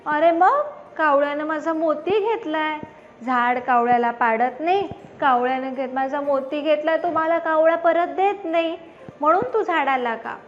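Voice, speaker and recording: A woman voicing a small, excited female sparrow in a children's story, talking high and childlike. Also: moderate pace, natural voice. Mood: pleading. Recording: dull lo-fi with faint background noise.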